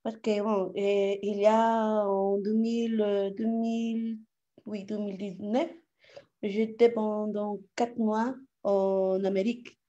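A woman in her thirties, a native Spanish speaker with a noticeable Spanish accent in French, joins an online call. Her voice sits at a medium pitch and sounds mellow. She speaks haltingly, with many hesitations. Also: little pitch movement, muffled recording. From Ecuador. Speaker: caller.

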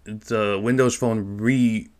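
A man co-hosting a tech podcast, giving relaxed, opinionated takes in casual chat. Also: lowish voice, takes it slowly, smooth. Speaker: podcast co-host.

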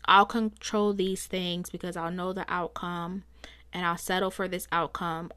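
Talking at length on her own podcast, a woman wanders through her thoughts casually and reflectively, full of filler words. Her voice is lowish and a bit bright, slightly strained from extended speaking.

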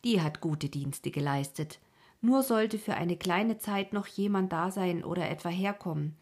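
A woman reading a brisk, practical country doctor. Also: fairly low pitch, a little mellow, husky. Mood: matter-of-fact. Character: satisfied, matter-of-fact country doctor.

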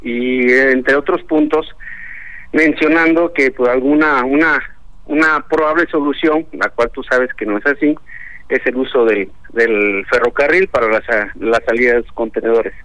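A man's voice: medium pitch, normal speed, a bit bright, no echo. A man calling in to a radio talk show over a telephone line, airing an earnest, aggrieved complaint with many hesitant fillers. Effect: heard over a telephone line as a radio caller. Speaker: phone-in caller, transport union leader.

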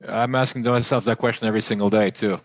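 A man's voice: fairly low pitch, steady tone, fast, no room sound. A middle-aged man from France, a tech entrepreneur talking as a podcast guest, fluent but with many fillers and restarts. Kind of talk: conversational interview.

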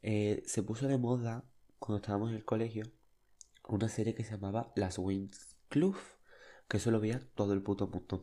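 Young spanish guy, kinda deep and warm, gossipy dramatic storyteller vibe. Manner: chatty, dramatic, flamboyant. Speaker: podcast host. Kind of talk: casual storytelling monologue.

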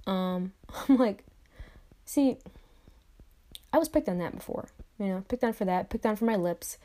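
This young adult woman vlogger has a mid-range, expressive voice with a dark tone, and she talks a little slowly. Addressing the camera, she gives a reflective motivational monologue full of repeated phrases and chatty asides.

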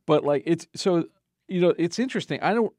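A man's voice: fairly high pitch, expressive, brisk, a little mellow, dry recording. A man co-hosting a casual podcast chat about films, asking probing questions and joking along. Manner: asks probing questions and jokes. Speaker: podcast co-host.

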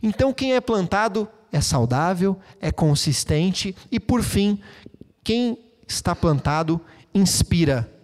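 A man preaching a sermon as pastor, lively and conversational, with playful asides to the congregation. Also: high voice, slow pace, big-room sound. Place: church hall.

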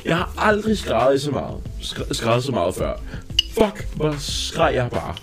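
A young man casually telling a story in a chat, animated and lively, sometimes acting out panicked shouting. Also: medium pitch, over music.

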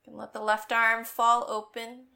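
A woman leading a guided yoga class as the instructor, cueing in a calm, meditative, unhurried manner. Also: on the high side, creaky.

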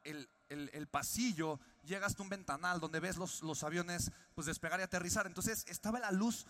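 A man's voice: sits high, normal speed. A young Mexican man with a Mexican Spanish accent, a podcast host telling a personal story and acting out the voices of the people in it. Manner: animated storyteller, acts out quoted voices. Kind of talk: storytelling monologue. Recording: long reverb on the voice.

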